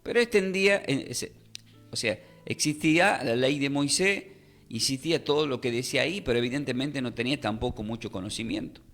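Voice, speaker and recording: A man's voice: medium pitch, fairly quick, fairly bright tone. A man teaching a radio Bible class, emphatic, often repeating phrases and spelling out words. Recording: radio studio with faint music.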